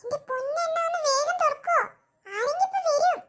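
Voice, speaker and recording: A voice actor playing a timid young thief's sidekick who is scared of the dark, in a cartoon. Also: very high voice, fairly quick, slight background noise. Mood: nervous. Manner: nervous, pleading.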